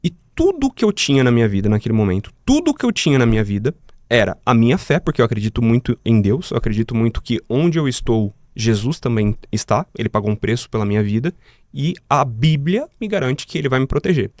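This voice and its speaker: A man's voice: mid-range voice, sing-song, fast, darkish tone, no room sound. A man with a Brazilian accent, a guest in a podcast studio, telling a personal story vividly and acting out the dialogue. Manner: vivid, talks to the host as "cara", acts out the dialogue.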